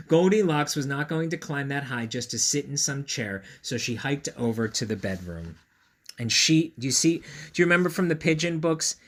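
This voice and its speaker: A man with a medium-pitched voice reads a picture book aloud to children, playful and expressive, breaking off now and then for chatty asides to his young listeners.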